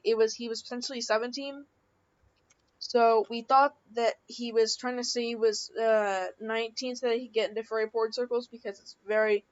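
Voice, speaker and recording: A woman with a fairly high voice reads chat messages aloud, riffing unscripted with lots of fillers and false starts. She's the channel's creator going through screenshots, and the audio is lo-fi.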